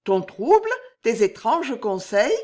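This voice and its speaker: A woman's voice: on the high side, very animated, slow, mellow, pitched above the performer's own voice. A woman voicing an anxious young noblewoman, emphatic and heightened in her speech.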